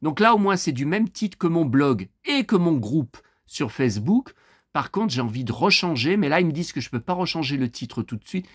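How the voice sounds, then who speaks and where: A middle-aged man talking to camera in a loose, rambling vlog, blunt and quick to swear, with lots of fillers and restarts. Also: fairly high pitch, sing-song, breathy edge, no room sound, clean studio sound. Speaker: vlogger. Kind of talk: casual rambling vlog monologue.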